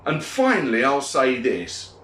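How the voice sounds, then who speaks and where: Grumpy, slow-talking British man ranting. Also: medium pitch, huge pitch swings, a bit bright, slight background noise. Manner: grumpy old man grumbling, blunt and sweary. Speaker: vlogger giving opinions. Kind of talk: opinionated monologue rant. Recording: echoey room.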